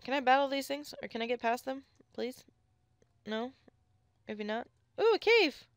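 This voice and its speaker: A woman giving chatty, excitable commentary on her own gameplay into a close mic, with sudden squeals when something catches her eye. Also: high voice, moderate pace, clean tone, no echo. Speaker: let's play gamer.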